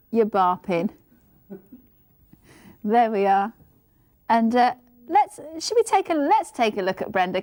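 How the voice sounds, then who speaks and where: A woman's voice: fairly high pitch, a little mellow, dry recording. A woman presenting on a shopping channel, chatty and giggly as she reads out item numbers and prices. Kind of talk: live sales presentation. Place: TV studio.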